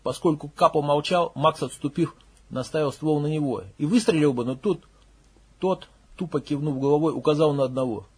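A man reads an audiobook in a blunt, coarse style, swearing casually along the way. His voice is husky and sits a bit high. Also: normal speed. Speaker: audiobook narrator. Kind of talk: audiobook narration.

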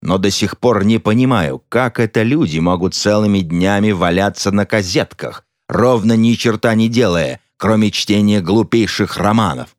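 A man reading an audiobook plays a gloomy, pompous count with a sardonic, gruff manner. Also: fairly low pitch, big pitch swings, unhurried, dry recording, studio quality, full character voice. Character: gloomy pompous middle-aged count, turning coarse.

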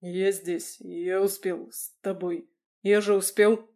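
A woman voicing a devoted male werewolf who speaks low and deliberately. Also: little pitch movement, mellow.

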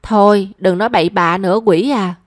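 A woman's voice: mid-range voice, fairly quick, no echo, clean studio sound, natural voice. A woman voicing a shy, flustered young woman in a story.

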